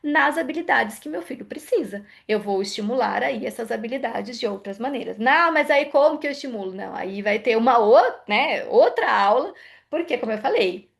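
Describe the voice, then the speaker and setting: Brazilian female psychologist, higher-pitched voice, conversational live explainer. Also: animated, normal speed, gravelly. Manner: explanatory, acts out parent and child dialogues; frequent "né?" and "tá?" tag questions. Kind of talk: live parenting talk.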